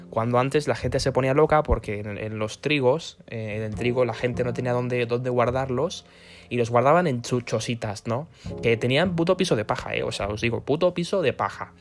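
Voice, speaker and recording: A man in a mid-pitched voice rants with sarcastic, foul-mouthed humor, drifting from one tangent to the next. Faint guitar music plays softly behind him. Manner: sarcastic, swears constantly, rambling. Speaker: vlogger. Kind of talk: profane comic rant.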